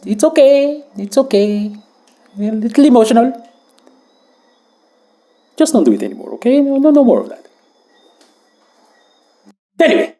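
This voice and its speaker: A woman playing a vain, boastful talking mustache that belongs to a politician, ranting in grandiose bursts with sudden shouts in a comedy sketch. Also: sits high, exaggerated voice. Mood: wounded, threatening.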